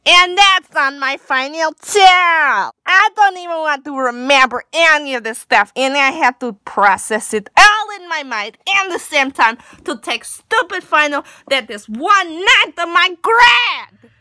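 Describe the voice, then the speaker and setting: A woman's voice: sits high, lively intonation, a little slow, no echo, pitched above the performer's own voice, exaggerated voice. A teenage girl voicing an exasperated girl with a thick fake Russian accent, doing a comedic rant with broken grammar. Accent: put-on Russian. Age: teens. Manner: loud mock-serious ranting, broken grammar.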